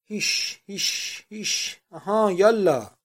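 A rowdy, jeering young painter who mocks and hollers in a storybook reading, put on by a male narrator. Loud and pitched up. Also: animated, natural voice. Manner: jeering, boisterous.

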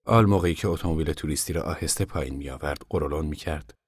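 A male narrator reads a novel in a calm, measured manner, sometimes sinking toward a hush. His voice is extremely deep, recorded close with a dry, roomless sound. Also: slightly rough, no room sound. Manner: calm, measured storytelling, at times hushed. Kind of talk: audiobook narration.

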